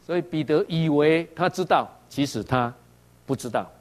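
Male preacher, Taiwanese Mandarin accent, teaching sermon style, rhetorical questions, animated quoted dialogue. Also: on the high side, moderate pace. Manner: tags sentences with "ha" and asks the audience questions; acts out quoted dialogue in varied voices.

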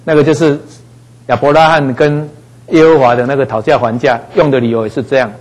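A man teaching a Bible passage in a relaxed, conversational way, dropping frequent little fillers. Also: mid-range voice, fairly quick, low-quality recording. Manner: conversational, frequent "哈" fillers, acts out voices in quotes.

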